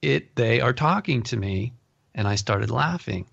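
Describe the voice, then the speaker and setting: A man hosting an interview, telling animated personal stories and laughing often as he talks. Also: mid-range voice, unhurried, gravelly, husky, no room sound, highs cut off. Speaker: podcast host. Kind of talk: casual interview storytelling.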